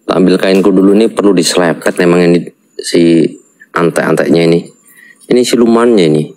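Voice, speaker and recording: Male host, deep voice, urgent spiritual-guide manner on a horror vlog. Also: fairly quick, a little mellow, low-quality recording. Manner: urgent, repeated religious exclamations. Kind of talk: unscripted horror night vlog.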